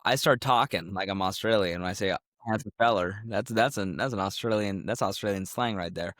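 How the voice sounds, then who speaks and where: With a fairly low but fairly bright voice, a man speaks a little fast as he co-hosts a sports podcast, full of jokes and laughter despite being sick and on the mend. The recording is dry and studio quality.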